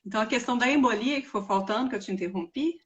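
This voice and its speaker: A woman from Brazil, a mother interviewing a doctor, talking in a relaxed conversational way while she has a cough. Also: fairly high pitch, rapid-fire, lo-fi sound. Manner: relaxed, conversational, shares personal stories. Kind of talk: casual interview chat.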